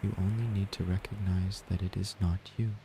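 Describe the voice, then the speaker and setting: A man gives a slow, soft-spoken guided sleep meditation in a gentle, breathy near-whisper. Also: sits low, flat delivery, background noise. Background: ocean waves and gentle music.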